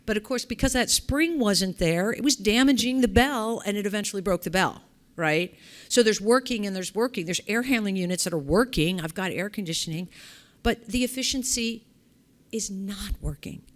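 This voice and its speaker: A middle-aged woman talking through her material at a conference session in a relaxed, chatty way. She keeps checking in with "right?" and "okay?" and acts out what people might say, at an ordinary pitch for a woman. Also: normal speed. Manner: conversational, asks the audience rhetorical questions, acts out quoted speech. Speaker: conference presenter on facility assessment. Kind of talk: lively conference talk.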